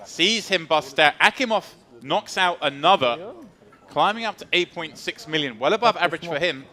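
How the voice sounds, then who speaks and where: A man's voice: on the high side, lively intonation, moderate pace, sharp tone. A man doing live poker tournament commentary, narrating the action in short dramatic phrases over music.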